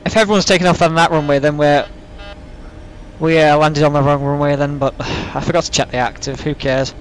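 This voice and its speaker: A man's voice: a little high, fairly even intonation, a little fast, a little hiss or hum, poor audio. A man giving casual, rambling, self-deprecating gameplay commentary as a flight sim host, saying w for r. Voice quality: can't pronounce R's properly, says w for r.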